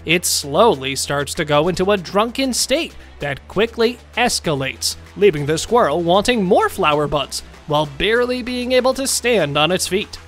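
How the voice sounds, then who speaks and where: A narrator voices a scripted countdown video in a middle register, and the pitch leaps up and down all the way through. The delivery has a sing-song lilt, and faint music plays behind it. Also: expressive, moderate pace, hardly any pauses, fairly bright tone.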